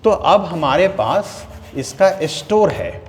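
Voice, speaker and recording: A man teaching English grammar in a classroom-style lesson, dictating word by word and checking in with "clear?" as he goes. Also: a little high, very animated. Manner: slow, drawn-out dictation, asks "clear?" often; spells out words one at a time. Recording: long hall reverb, faint noise.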